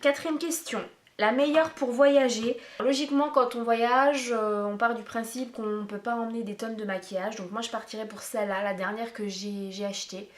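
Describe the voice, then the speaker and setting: Her voice on the high side with fairly even intonation, this beauty vlogger talks at a moderate pace with few pauses. The casual makeup tag vlog finds her rambling chattily and speaking straight to viewers, in a roomy, echoey recording.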